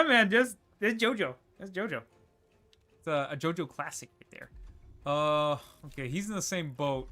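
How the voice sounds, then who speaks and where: A man streaming a video game, rambling and thinking aloud with quick laughs as he plays. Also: mid-range voice, pushed and bright. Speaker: gaming streamer. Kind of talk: casual gameplay commentary.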